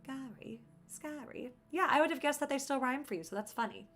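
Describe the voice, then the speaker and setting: A woman's voice: sits high, expressive, very fast. Chatty woman streamer over game music. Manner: chatty and playful, jumps to loud startled exclamations. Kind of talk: casual let's-play commentary, reading game text aloud. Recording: game music playing underneath.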